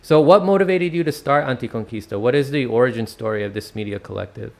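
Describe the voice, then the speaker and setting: A man from the Washington, D.C. area hosting a casual interview, relaxed and friendly, with many "um"s. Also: medium pitch, quick pace, creaky. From Washington, D.C. area, United States. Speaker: host of an online channel.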